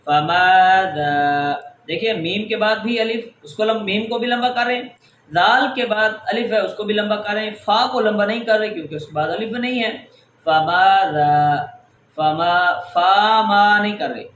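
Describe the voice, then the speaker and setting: Man, Quran teacher, high voice, patient step-by-step explaining, echoey room. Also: a bit bright, slight background noise. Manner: patient, explaining rules step by step, drawing out example words. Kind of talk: tajweed lesson. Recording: echoey room with faint ambience.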